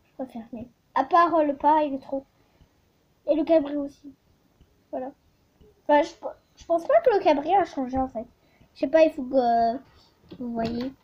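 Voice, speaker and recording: A woman's voice: high-pitched, normal speed, pauses often, dull audio. A young woman chatting over her gameplay, giggly, trailing off, and complaining that she is losing her voice. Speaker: gaming vlogger. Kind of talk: casual gameplay commentary.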